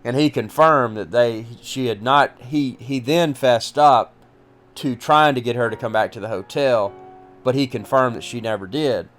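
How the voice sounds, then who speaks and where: A man hosting a podcast, telling his own story in a casual, halting way with many restarts. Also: medium pitch, fairly bright tone, faint music behind. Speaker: podcast host recounting personal story. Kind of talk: casual first-person storytelling.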